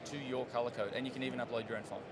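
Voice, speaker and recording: A man's voice: medium pitch, steady tone, very fast. A middle-aged man giving a casual product explanation at a trade show stand, conversational and a little hesitant as he thinks aloud. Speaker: company product expert being interviewed. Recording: noisy trade show floor. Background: event hall noise.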